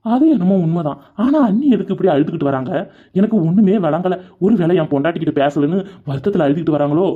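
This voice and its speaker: A man voicing an easygoing, nosy brother-in-law in a cartoon, who chatters and gossips quickly. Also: fairly high pitch, animated. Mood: puzzled. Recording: dull lo-fi sound.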